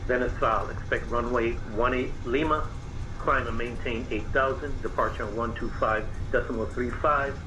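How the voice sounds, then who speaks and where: A man's voice: mid-range voice, steady tone, moderate pace. A man speaking as a pilot in air traffic control radio phraseology over a radio. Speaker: pilot in an online flight simulation. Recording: noisy radio with engine hum.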